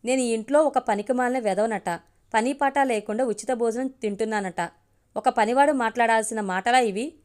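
A lazy, blustering middle-aged man who threatens and shouts down others, played by a woman reading. The voice sits a little high. It is a spoken storybook. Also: moderate pace, smooth, lightly acted. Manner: angry, threatening.

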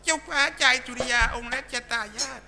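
A man voicing a gentle, grieving older woman, an aunt, in a live shadow puppet drama. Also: very high voice, steady tone, brisk, creaky, music in the background, voice pushed up. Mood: tearful tender.

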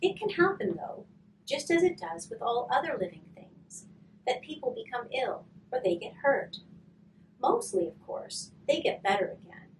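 A soft-spoken hospice volunteer reads a picture book to children and demonstrates an activity, slow and gentle, often trailing to a whisper. Her high voice has big pitch swings and vocal fry, picked up by a distant camera mic in a curtained indoor room with faint room noise.

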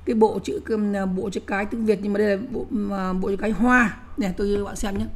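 Brief: middle-aged woman, lecturer to teachers, emphatic, repeats herself, mid-pitched. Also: steady tone, fast talker, slight background noise. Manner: emphatic, repeats words, frequent "nhé" asides.

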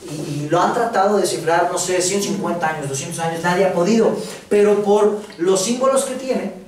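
A man's voice: sits high, a little mellow. A man with a Mexican accent giving a casual, slangy classroom lecture, checking in with his students. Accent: Mexican Spanish. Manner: casual, slangy lecturing with filler words and questions to the audience. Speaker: course instructor. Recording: echoey room, voice from far off, faint noise.

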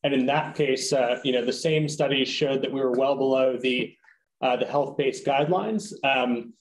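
A man's voice: mid-range voice, moderate pace, a little hiss or hum, rough recording. A man serving as a technical expert at a public hearing, explaining at length with many fillers and restarts.

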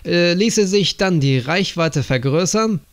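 A man voicing a calm, probing older male leader who questions his agents in an audiobook. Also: sits high, takes it slowly, exaggerated voice.

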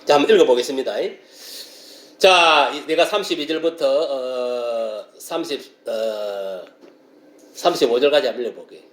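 A man preaching a sermon as pastor, explaining a passage and now and then breaking into loud shouted exclamations. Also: medium pitch, unhurried, reverberant.

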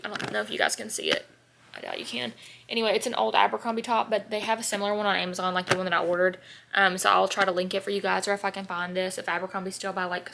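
A woman's voice: mid-range voice, fairly bright tone. A woman in her twenties talking casually to camera in a beauty vlog, rambling with lots of "like" and "um". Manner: chatty, rambling, heavy use of "like" and "um". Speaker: beauty vlogger. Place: bedroom with vanity mirror, indoors. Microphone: camera on a desk or handheld at arm's length.

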